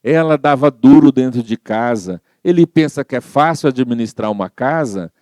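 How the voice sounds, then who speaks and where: A man's voice: medium pitch, expressive, moderate pace, darkish tone, dry recording, clean studio sound. A man giving a Spiritist talk as a storytelling sermon, repeating words for effect and acting out the quotes. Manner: repetitive storyteller, acts out quotes. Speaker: Spiritist lecturer.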